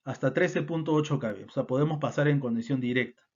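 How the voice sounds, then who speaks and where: A man's voice: medium pitch, quick pace. A man giving a technical lecture, explaining step by step and often tagging his sentences with questions and fillers. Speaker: instructor. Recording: dull lo-fi sound.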